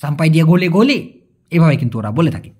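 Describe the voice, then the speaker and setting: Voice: medium pitch, animated, fast talker, darkish tone, husky. A Malay language teacher, giving a casual video lesson and explaining words through everyday examples. The teacher asks rhetorical questions and answers them, repeating words for emphasis.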